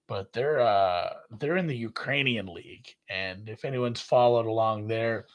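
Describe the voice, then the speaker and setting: Chatty man rambling about bets. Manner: rambling, self-correcting, lively jumps in pitch. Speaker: podcast co-host. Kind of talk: casual sports betting chat.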